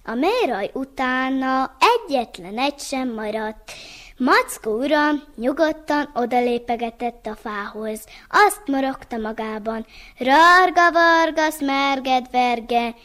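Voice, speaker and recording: A woman reading a folk tale aloud in an even, careful storytelling manner. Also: high voice.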